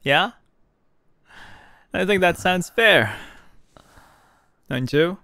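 A young man voicing a gentle, teasing male hero who speaks softly with little laughs in a fan audio roleplay. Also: sits high, animated, very slow, dry recording, studio quality, exaggerated voice. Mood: playful.

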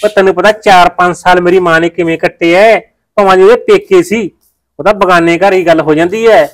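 A village husband tries to calm his family and lectures them, played by a man. His voice is fairly high and his speech is quick. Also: lightly acted. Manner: lecturing, pleading, persuasive. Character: village husband and son, peacemaker.

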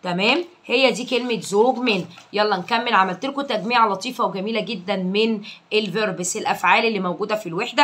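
A young woman with an Egyptian Arabic accent teaching English vocabulary to children, saying each word slowly and loudly after explaining it. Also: medium pitch, slightly rough.

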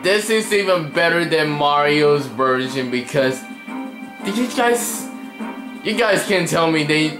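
Young male let's player, slightly high voice, unhurried delivery, prone to yelling at the game. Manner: excitable, yells at the game when frustrated. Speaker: gameplay commentator. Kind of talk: let's play commentary. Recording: echoey room with game music behind. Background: game music.

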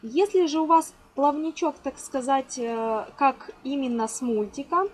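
Unhurried and high-pitched, a woman hosts an informal craft tutorial from a table indoors, counting aloud, using endearing diminutives, and instructing with patience step by step. Clear background noise marks it as an amateur home recording.

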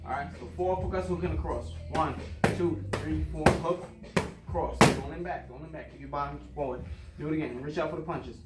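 Male boxing trainer, higher-set voice, terse encouraging calls over glove hits, recorded at a distance in a gym. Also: brisk. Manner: clipped, repetitive, encouraging commands amid physical exertion; calling out while taking punches on mitts. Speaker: boxing coach. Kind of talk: calling pad-work drills in short commands. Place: large indoor boxing gym. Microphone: far camera. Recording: roomy gym, distant mic, loud music behind. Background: loud music, thuds of punches on mitts.

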